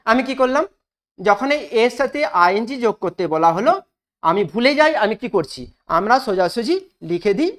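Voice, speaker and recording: A woman with a high-ish, animated voice teaches an English grammar lesson in style. She asks her students questions and repeats every rule slowly for emphasis.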